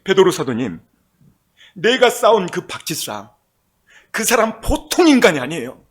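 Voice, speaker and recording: A man voicing an indignant elderly church elder who pleads and protests loudly, with a husky voice. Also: high-pitched, very animated, a little slow, full character voice. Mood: aggrieved.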